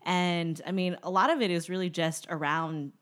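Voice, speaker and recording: Casual young woman co-host, slightly low-pitched, chatty and filler-heavy. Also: steady tone, normal speed, a bit bright. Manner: chatty, many fillers, laughs easily. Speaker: podcast co-host. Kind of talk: casual chat.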